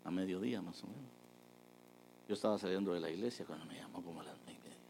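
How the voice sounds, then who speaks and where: A man preaching a testimony, telling a story with lively energy and acting out the people he quotes. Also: low voice, fast talker, vocal fry, a little hiss or hum, poor audio. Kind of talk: sermon testimony.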